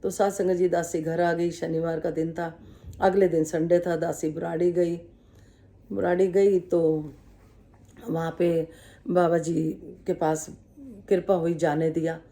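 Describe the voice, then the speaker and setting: This devotional speaker has a lowish, level voice with a dark tone and a measured pace. Telling devotees her personal story with quoted exchanges, she stays humble, calls herself the servant, and addresses everyone respectfully.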